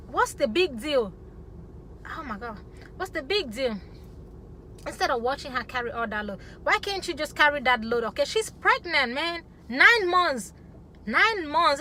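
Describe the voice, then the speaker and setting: Woman from Africa, bright and sharp voice, fired-up opinion vlog, keeps asking "okay?". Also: high-pitched, a little hiss or hum. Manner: passionate, emphatic, keeps adding "okay?". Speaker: vlogger. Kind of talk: opinionated talk to camera.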